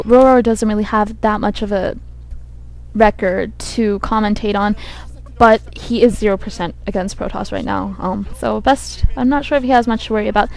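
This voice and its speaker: A woman with a croaky voice from a cold gives hesitant esports commentary, thinking aloud as she goes. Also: a little high, a little mellow. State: has a cold. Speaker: game commentator. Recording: buzzy microphone.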